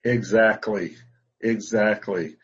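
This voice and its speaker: Husky guy coaching someone over a call, slow and easy, kinda muffled audio. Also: on the low side, steady tone, a bit bright. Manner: conversational, repeats "exactly" and "you know". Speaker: business coach.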